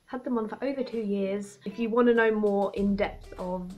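A woman in her late teens chatting excitedly to camera, speaking with braces on, rambling a little. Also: mid-range voice, moderate pace. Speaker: vlogger. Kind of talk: casual chat to camera.

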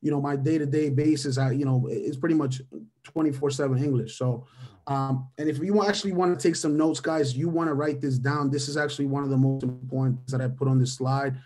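A faint bed of music sits behind a man in his thirties from Venezuela, a native Spanish speaker, as he runs a motivational mentoring webinar by video call on a webcam or headset. His voice is mellow and mid-pitched, a little fast, with fairly even intonation. He repeats key phrases and tags nearly each point with a questioning "right?".

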